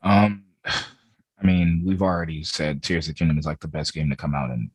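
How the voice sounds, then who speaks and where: On a remote call, a gaming podcast co-host talks casually in a very deep, slightly breathy voice at normal speed, with no echo. His speech rambles loosely, full of fillers, especially "like."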